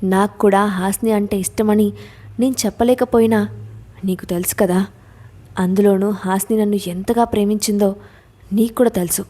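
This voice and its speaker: A wounded young man from an audio story, tied up and hurting, who stammers out excuses and then turns defiant, voiced by a woman narrator. His lines come in a soft, mellow tone at an ordinary pitch. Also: fairly even intonation, normal speed, long pauses, natural voice. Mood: pleading. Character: injured young man, bound, defiant and pleading.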